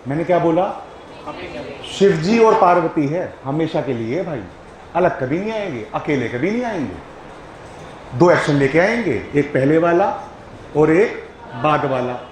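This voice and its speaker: A man's voice: fairly high pitch, animated, a little slow, long pauses, echoey room, slight background noise, poor audio. A male teacher giving a classroom grammar lecture, who keeps checking whether his students follow and coaxes them along.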